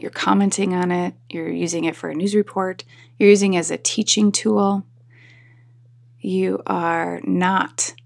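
A woman podcast host with a husky, sleepy morning voice, rambling casually to her listeners. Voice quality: husky, slightly deeper morning voice. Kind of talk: casual solo talk to listeners.

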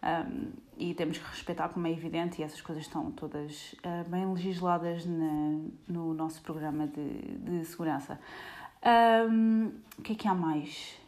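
A woman from Portugal with a European Portuguese accent, an airport security screener chatting casually to her viewers in an animated way. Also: low voice, moderate pace. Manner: chatty, animated, frequent fillers, addresses viewers directly.

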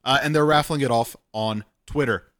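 Man, casual podcast co-host, bright forward tone, chatty and self-mocking. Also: medium pitch. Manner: chatty, self-deprecating, quick asides. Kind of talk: casual chat.

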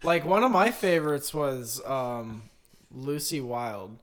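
A man co-hosting a podcast, teasing the others with quick jokes. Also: medium pitch, lively intonation, fairly bright tone. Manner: teasing, quick joking interjections. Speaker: podcast co-host. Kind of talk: casual crude podcast banter.

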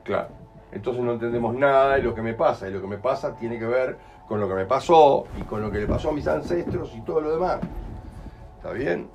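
A man with a Rioplatense Spanish accent explains to a group at a middle pitch. He talks in an animated way and slips into quoted voices. Soft music plays faintly in the background. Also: brisk. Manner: animated, acts out quoted voices, keeps asking "¿entendés?". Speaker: group workshop leader.

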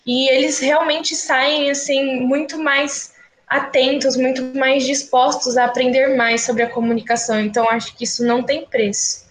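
A woman guest answering in an animated, exclamatory way about her work in speech therapy. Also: high voice, moderate pace, reverberant, poor audio. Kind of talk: casual interview answer.

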